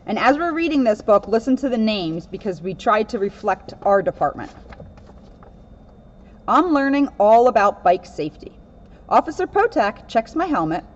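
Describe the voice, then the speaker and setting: A police officer reads a children's picture book aloud, her fairly high voice very animated at a moderate pace. The recording is dull and lo-fi.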